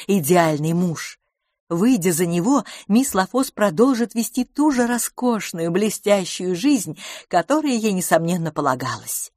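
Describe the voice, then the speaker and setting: Expressive lowish woman narrator. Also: dry recording, clean studio sound. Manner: expressive, animated reading. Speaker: audiobook narrator. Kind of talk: scripted narration of a humorous novel.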